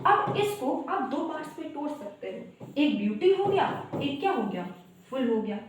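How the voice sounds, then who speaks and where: Woman teacher, high voice, lots of room echo, walks thru grammar step by step. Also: very animated, normal speed, slight background noise. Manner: explains step by step, addresses viewers as "guys", sing-song word lists. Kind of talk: online coaching lesson. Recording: very echoey room.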